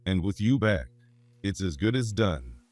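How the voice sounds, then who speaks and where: A man's voice: low-pitched, big pitch swings, a little slow, a little mellow, no room sound, pitched below the performer's own voice. A man voicing a tipsy, jovial male company executive with slightly slurred speech.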